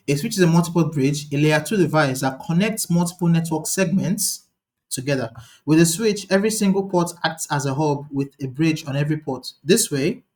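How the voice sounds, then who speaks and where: Guy teaching a live online class, talks fast, bit higher voice, keeps restarting sentences. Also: darkish tone. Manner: fast-talking, thinking aloud with restarts. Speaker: instructor.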